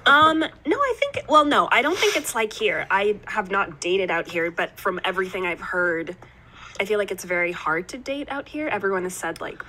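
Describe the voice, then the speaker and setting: Lively young woman with a Canadian accent. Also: mid-range voice. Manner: giggly, teasing, quick to chime in. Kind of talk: casual chat.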